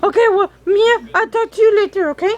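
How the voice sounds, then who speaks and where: Brief: someone playing a very high, childlike pink dragon puppet, chatting over a muffled phone line. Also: brisk. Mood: playful. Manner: gentle, playful questioning of a small child. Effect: heard over the phone.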